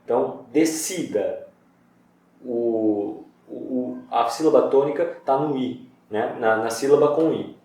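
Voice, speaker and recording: A man giving a casual, conversational lesson on poetry, slowing down to spell out syllables. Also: medium pitch, warm tone. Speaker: poetry teacher. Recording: very echoey room, voice far from mic.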